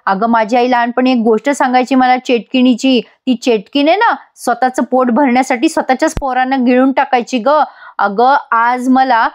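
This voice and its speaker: A woman's voice: high-pitched, fairly even intonation, moderate pace, close to an everyday voice. A woman voicing an outspoken woman who lectures and scolds her sister-in-law, as a dramatic reading of serial dialogue. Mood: reproachful. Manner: reproachful, lecturing.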